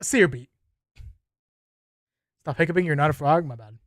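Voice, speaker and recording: Young male streamer, high and dry, excitable slang reaction chatter. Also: moderate pace, dry recording. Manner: excitable, slangy, talks to chat. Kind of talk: casual reaction commentary.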